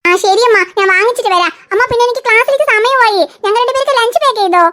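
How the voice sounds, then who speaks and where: A woman's voice: extremely high pitch, very fast, a bit bright. A woman voicing a bossy, teasing teenage older sister in a cartoon. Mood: chiding. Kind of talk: cartoon voice acting.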